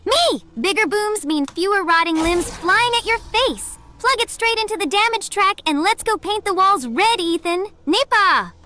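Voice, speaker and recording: A high, bright, bouncy voice of a bloodthirsty sidekick, with a woman doing it, eager for explosions. She swings wildly up and down in pitch and teases constantly. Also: animated, normal speed, hardly any pauses, full character voice. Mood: gleeful. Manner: bouncy, teasing, shouts a catchphrase. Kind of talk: scripted character commentary over gameplay.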